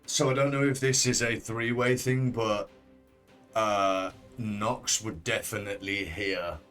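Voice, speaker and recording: A man with a fairly low voice narrates a tabletop role-playing game as game master. He feels his way through descriptions in a halting manner, with soft music playing underneath. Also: fairly even intonation.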